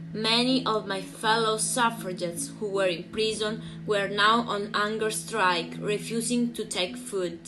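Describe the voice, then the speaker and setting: A woman's voice: fairly high pitch, lightly acted, poor audio. A woman playing a brave upper-class suffragette who tells her own story in an earnest, emphatic way. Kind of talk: historical drama acting. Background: music.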